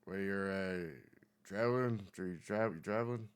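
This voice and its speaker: A man voicing a very old diner keeper, muddled and folksy, who repeats himself haltingly. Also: lowish voice, steady tone, clear, resonant tone, natural voice. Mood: halting, friendly. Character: very old rambling man running a roadside diner.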